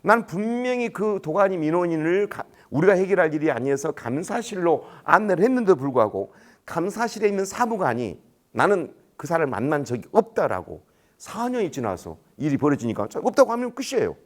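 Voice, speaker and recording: A middle-aged man lecturing to staff in a conference room, spinning a story in loose, everyday speech. His voice sits a little high for a man and leaps up and down with lively swings. He keeps slipping into the voices of the people in his anecdotes. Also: brisk. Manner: colloquial, anecdotal, acts out quoted dialogue.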